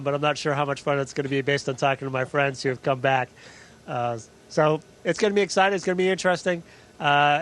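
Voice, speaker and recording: A man with a moderately high voice talks as an astronaut. He answers informally, thinking aloud as he explains. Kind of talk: answering questions in a live link-up.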